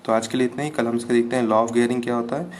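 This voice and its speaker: A man teaching an engineering class, explaining each term slowly and checking over and over that students follow. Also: medium pitch, fairly even intonation, slight background noise. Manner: patient, repeats terms with "ठीक है, clear है" checks. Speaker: engineering lecturer. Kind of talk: classroom lecture.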